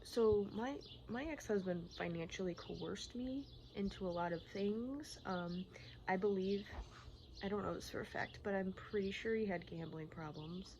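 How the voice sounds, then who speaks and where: A woman talking candidly in a personal vlog, in a rambling, halting, casual way, often repeating herself. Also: medium pitch, darkish tone. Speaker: personal vlogger. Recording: clearly noisy outdoor-like ambience, birdsong. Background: birdsong and environmental noise.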